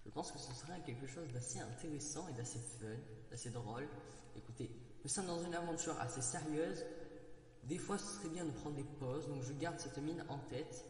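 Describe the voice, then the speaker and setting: A man's voice: on the high side, normal speed, darkish tone, breathy edge. A young man, giving playful, chatty commentary on his game and exclaiming at what he finds. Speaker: Minecraft let's play host. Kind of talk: casual gameplay commentary.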